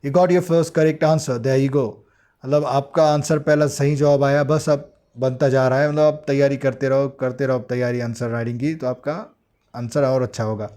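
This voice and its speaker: A man with an Indian accent teaching English usage to exam aspirants in a relaxed, mellow voice. He reads each example sentence slowly and deliberately, then switches to quicker Hindi to explain it. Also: medium pitch. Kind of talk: bilingual lesson explaining English phrases.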